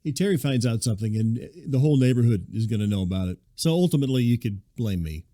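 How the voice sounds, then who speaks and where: A man's voice: medium pitch, lively intonation, quick pace, mellow, no echo, clean studio sound. A man hosting a scripted comedy podcast, narrating and talking in a mild, apologetic, conciliatory way. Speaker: podcast host.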